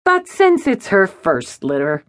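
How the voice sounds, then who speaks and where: A woman's voice: medium pitch, huge pitch swings, measured pace, no echo, clean studio sound. A woman reading the lines of a cheerful, reassuring male veterinarian in an audiobook. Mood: jolly.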